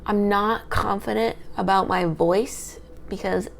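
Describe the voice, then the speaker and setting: Speaking slowly and steadily, a young woman studying history talks into a small handheld mic for a raw, unedited vlog. Her medium-pitched voice is small, light, yet gravelly, and a little hiss or hum is audible. She rambles and stumbles over her words.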